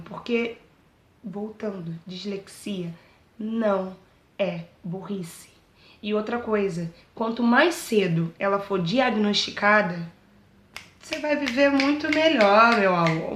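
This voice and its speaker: A Brazilian vlogger talks to camera about her dyslexia, speaking casually and earnestly about her own life in Brazilian Portuguese. Chatty, she keeps asking "entendeu?" to check that listeners understand, and she turns earnest and pleading when addressing teachers. Her medium-pitched voice is expressive and slow, with a roomy sound.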